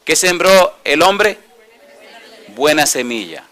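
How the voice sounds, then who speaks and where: Bright-voiced pastor preaching. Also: male voice, a little high, big pitch swings. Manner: asks the audience questions and answers them himself; reads scripture slowly and deliberately. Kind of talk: sermon.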